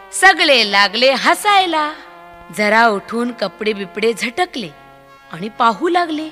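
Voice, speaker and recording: Woman, storyteller, expressive sing-song reading, bright voice, reverberant hall. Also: on the high side. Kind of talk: children's story narration.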